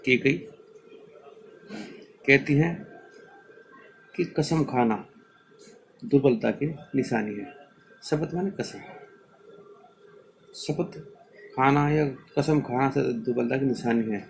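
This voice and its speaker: A man teaching a class, reading lines of verse slowly and then explaining them in an earnest, instructive way. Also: medium pitch, gravelly, slight background noise, low-quality recording. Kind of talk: poetry recitation and explanation lesson.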